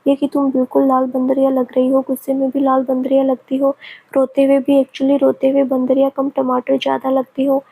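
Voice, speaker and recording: A woman's voice: high voice, completely flat delivery, moderate pace, creaky, dark tone, rough recording. A woman doing a curt, moody young man. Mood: soft. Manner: curt and commanding. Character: moody, brusque young man, hot-tempered.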